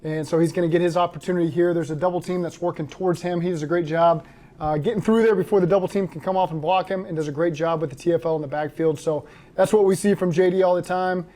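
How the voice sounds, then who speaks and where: A man speaks quickly in a dark, level voice, talking through game film like a head coach. He is matter-of-fact and steady, and he keeps a flat, even pitch from start to finish. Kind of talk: interview answers and film breakdown.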